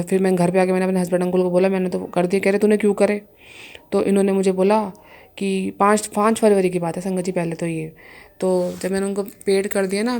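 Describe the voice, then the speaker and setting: A woman's voice: medium pitch, warm tone. A young woman giving an emotional personal testimony to a congregation, addressing listeners often as she tells her story. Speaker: devotee sharing a testimony.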